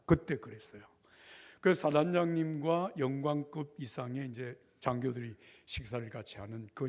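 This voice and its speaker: An older man, a pastor, telling a story in a revival sermon with lively acted dialogue. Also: mid-range voice, husky.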